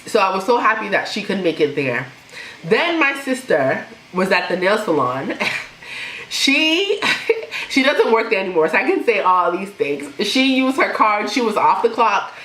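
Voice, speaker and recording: A young woman vlogger telling a personal story in a casual, animated way, laughing now and then. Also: medium pitch, unhurried. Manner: animated, laughs while telling, imitates others. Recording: echoey room with faint noise.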